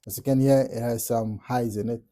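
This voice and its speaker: A man from South Africa with a South African accent, calmly walking through how he builds a track, step by step, in a casual tutorial. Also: medium pitch, a little fast. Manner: relaxed step-by-step explaining. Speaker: music producer tutorial host. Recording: music playing in the background.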